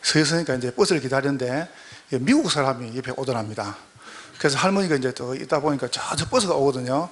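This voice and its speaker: A man's voice: medium pitch, animated, fast. A man with a Gyeongsang accent, a pastor giving a folksy, joking lecture at a training session. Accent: Gyeongsang dialect.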